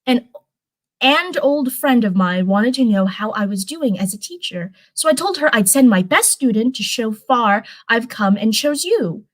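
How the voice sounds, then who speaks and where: A woman voicing a calm, regal and soothing princess mentor in a storybook reading. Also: on the high side, unhurried, dry recording. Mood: composed. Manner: composed, gentle.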